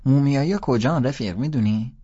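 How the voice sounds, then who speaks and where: A man voicing a brash, cheeky young schoolboy who talks loud and blunt. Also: mid-range voice, husky, highs cut off, voice pushed up, lightly acted. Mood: pushy.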